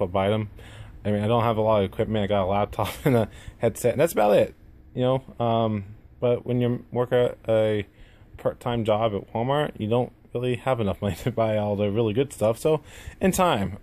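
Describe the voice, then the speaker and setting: A man's voice: on the low side, dark tone. A man with a lisp that draws out his S sounds and slurs slightly, giving a rambling, self-effacing, casual gaming vlog to camera at home. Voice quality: lisp with drawn-out, slurred S sounds. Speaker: gaming YouTuber introducing himself. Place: indoors at home. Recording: noticeable room noise.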